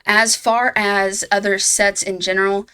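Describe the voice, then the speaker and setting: A woman's voice: medium pitch, flat delivery, measured pace, pushed and bright, smooth. A woman hosting her own game guide video, talking casually and laughing at herself now and then. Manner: chatty, laughs at herself, fillers. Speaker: gaming channel host.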